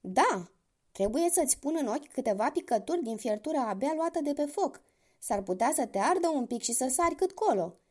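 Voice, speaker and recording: A woman voicing a clever young male hunter in a spoken fairy tale, calm, sly and commanding. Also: high voice.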